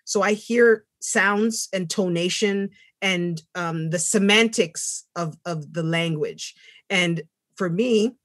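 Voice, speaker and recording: A woman's voice: on the low side, no room sound, studio quality. A woman from Canada talking reflectively in a webinar discussion over a video call. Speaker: panel guest writer.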